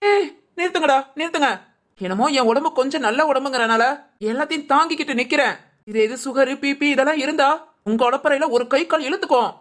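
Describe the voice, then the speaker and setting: In a cartoon, a woman voices a bossy, middle-aged village mother-in-law who scolds and threatens the young couple, sounding exasperated. Her pitch sits high, she talks fast, and her voice is close to an everyday one.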